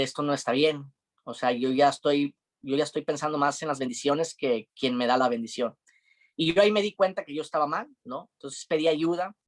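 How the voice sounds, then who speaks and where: Earnest man giving testimony. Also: fairly high pitch. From Mexico. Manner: earnest, confiding, with many fillers. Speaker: preacher. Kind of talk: devotional testimony.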